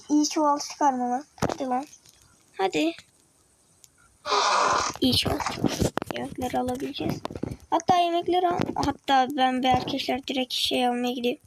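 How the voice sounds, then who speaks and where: A high-pitched young woman chatters her way through a video game, excitable and quick to react. She keeps talking to her viewers and to the creatures on screen, and now and then drops to a whisper. A clear hiss of background noise sits under her voice. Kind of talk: casual gameplay commentary.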